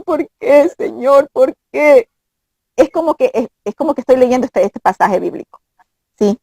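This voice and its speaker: A woman's voice: on the high side, darkish tone, no room sound. Earnest woman teaching from scripture. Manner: earnest, quotes scripture, mimics voices. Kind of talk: conversational Bible teaching.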